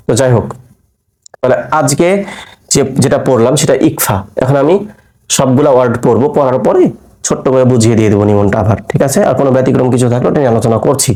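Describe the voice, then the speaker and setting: A man's voice: mid-range voice, darkish tone. A man teaching Quran recitation rules, explaining step by step, asking and answering his own questions, and stretching out words when he recites them. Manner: drawn-out sung recitation of verse words. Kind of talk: tajweed lesson with recitation.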